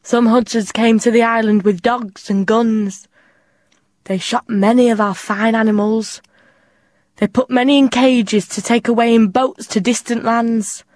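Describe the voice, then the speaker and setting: A woman voicing an old, weary male mole rat guard who speaks hoarsely and humbly. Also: on the high side, steady tone, measured pace, a little mellow, dry recording, lightly acted. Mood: solemn.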